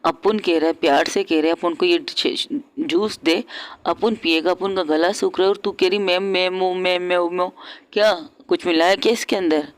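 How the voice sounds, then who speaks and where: A woman's voice: on the low side, fairly even intonation, moderate pace, clear, resonant tone, dry recording, natural voice. A woman putting on a pushy young woman barking orders in tough street slang, dry close voice, storybook audio. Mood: scolding. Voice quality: blunt, demanding, slangy tough-guy talk.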